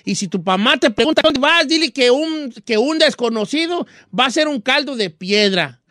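A man voicing a crafty, hungry male vagabond trickster who calls out loudly and wheedles slyly. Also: extremely high pitch, animated, moderate pace, no room sound, clean studio sound, pitched above the performer's own voice, heavily acted. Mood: sly wheedling. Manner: loud pleading calls, sly wheedling.

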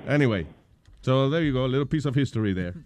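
A man's voice: mid-range voice, brisk. A man with a Puerto Rican accent hosting a talk radio show, joking and bantering and slipping English phrases into his speech. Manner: joking, animated, mixing in English.

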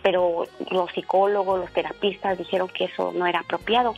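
A woman in her forties calling in to a radio show, telling a painful personal story in an earnest, halting way with many fillers and restarts. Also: on the high side. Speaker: radio caller. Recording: dull lo-fi radio line.

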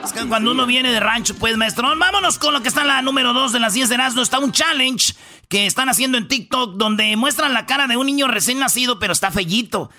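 Bright, high-voiced Mexican radio host. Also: male voice, fast. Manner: rowdy, slangy and teasing. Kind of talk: joking radio countdown chat.

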